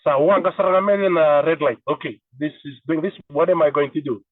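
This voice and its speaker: A man's voice: a little high, fairly quick, dry recording. Fijian man on a tinny distant line. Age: 30s. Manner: earnest, switching between languages. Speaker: podcast guest. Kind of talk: casual chat.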